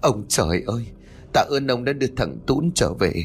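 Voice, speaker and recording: A man voicing a grieving old grandmother who pleads in a raised, rushed voice. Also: mid-range voice, lively intonation, voice pushed up, close to an everyday voice. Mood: tearful.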